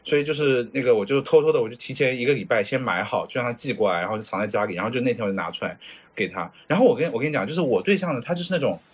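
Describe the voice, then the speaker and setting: A man from China talking fast in a casual podcast chat, his voice swooping up and down as he tells his stories. There's a husky edge to his tone, and he slips into the voices of the people he's describing. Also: medium pitch. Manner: lively storyteller, mimics voices in his stories. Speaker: podcast co-host. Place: lives in Japan.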